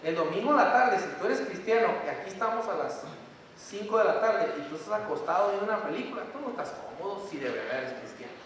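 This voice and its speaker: An impassioned male preacher, pleading directly with his congregation. His fairly high voice rings through a large church hall with long reverb and is heard from some distance. A faint hum of room noise sits underneath. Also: expressive, fast talker, a bit bright. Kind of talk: sermon.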